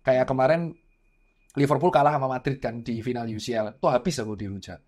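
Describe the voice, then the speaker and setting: A man in his thirties chats on a podcast as a doctor and father. He tells stories in an animated way, slipping into the voices of the people he quotes. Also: mid-range voice, brisk. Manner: animated storytelling, acting out quoted dialogue. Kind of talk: casual podcast chat.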